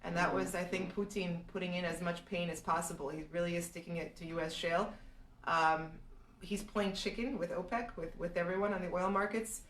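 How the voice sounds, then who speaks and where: A woman's voice: fairly low pitch, steady tone, fairly quick, a bit bright, far from the mic, slight background noise. A woman from Serbia answering viewers' market questions in a live stream, thinking aloud with frequent restarts. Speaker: real estate analyst answering viewer questions. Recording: echoey room, voice a bit off-mic.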